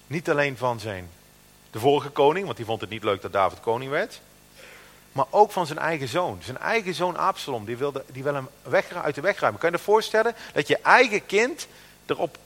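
Lively preaching man in a reverberant hall. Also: fairly high pitch. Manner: lively, emphatic preaching with slow, stressed scripture quotes. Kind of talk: sermon.

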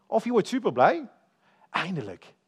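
Animated preacher telling a story. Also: male voice, on the high side, normal speed. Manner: lively storytelling, talks directly to listeners. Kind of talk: sermon.

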